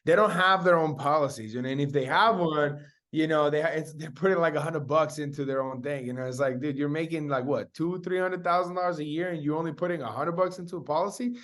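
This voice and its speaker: A young Spanish man talks fast in a fairly high, slightly bright voice, barely pausing. He's a guest in a casual interview, sharing personal stories in slangy and sometimes profane language.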